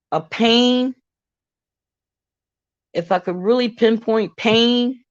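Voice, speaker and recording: A woman vlogging in a candid, chatty and expressive way. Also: medium pitch, no echo, highs cut off. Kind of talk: casual personal vlog.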